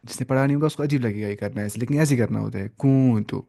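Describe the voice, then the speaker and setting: A young man teaching a live online Quran reading lesson. He spells out letters and vowel marks slowly, blends them into words, and asks and answers his own questions. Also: mid-range voice, gravelly, warm tone.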